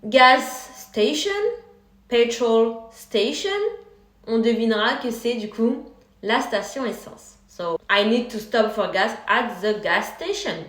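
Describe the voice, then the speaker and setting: A woman teaching English car vocabulary, speaking slowly and clearly and repeating each word for her learners. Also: fairly high pitch, a bit bright, roomy sound. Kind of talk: vocabulary lesson.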